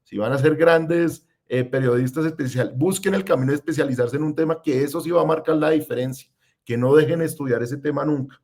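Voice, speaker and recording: Male comms pro, slightly high voice, emphatic, direct advice. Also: fairly quick, a little mellow. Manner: emphatic, gives direct recommendations. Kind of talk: podcast conversation.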